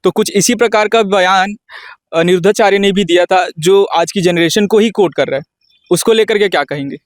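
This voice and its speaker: A man's voice: sits high, normal speed, dry recording. A man hosting a studio panel discussion, moderating and putting questions to his guests. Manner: moderating, brief acknowledgments. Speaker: host.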